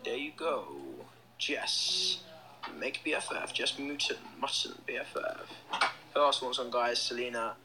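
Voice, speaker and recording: A young man's mid-range voice, fairly even in intonation and a little slow, comes over a noisy background. He's a band member hosting a phone livestream from a small indoor room, chatting in an upbeat, casual way and reading out fan comments. The phone is held close to his face.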